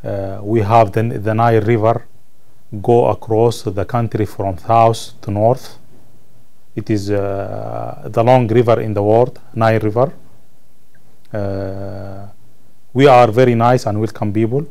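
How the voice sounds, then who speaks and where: Seated on camera indoors, a college ESL student from Sudan, a man in his thirties whose first language is Arabic, is interviewed about his own life. He speaks halting English with a Sudanese Arabic accent, often hunting for words. The voice sits lowish, dark and creaky, with fairly even intonation.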